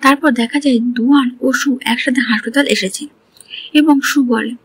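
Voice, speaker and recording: A woman's voice: sits high, steady tone, normal speed, husky. A woman retelling a drama's story scene by scene and reading the characters' lines in her own voice. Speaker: drama recap narrator.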